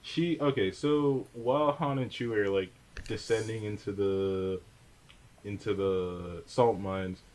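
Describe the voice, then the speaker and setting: A man's voice: lowish voice, steady tone, a little slow, darkish tone, poor audio. A young man co-hosting a casual podcast movie discussion, exasperated, swearing and leaning on "like" as he retells scenes. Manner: exasperated, swearing, filler 'like'. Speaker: podcast co-host.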